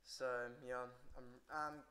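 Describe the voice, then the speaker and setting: A man's voice: medium pitch, little pitch movement, slow, pushed and bright, slight background noise. A tired man giving rambling, irritable live commentary on his own match and swearing a lot. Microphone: poor computer mic.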